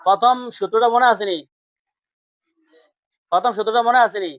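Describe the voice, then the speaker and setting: A man's voice: high-pitched, normal speed, dry recording, dull audio. A man teaching grammar in class, repeating points and quizzing his students questions.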